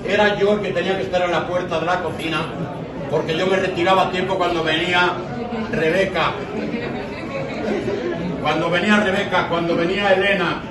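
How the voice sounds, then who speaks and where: At a farewell dinner, an older Spanish man gives an informal, heartfelt tribute, emotional and a little choked up. His fairly high voice, with fairly even intonation and a fairly quick pace broken by frequent pauses, is caught by a camera across a busy, echoey indoor restaurant dining room. A loud crowd surrounds him.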